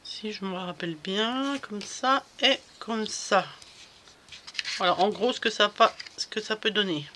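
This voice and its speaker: A woman talks her way through a crafting project in a loose, rambling vlog chat, stumbling over restarts and fillers. Her voice is bright and a little sharp, with a faint hiss in the background. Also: mid-range voice, a little slow. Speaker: crafting vlogger. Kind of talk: casual chat while crafting.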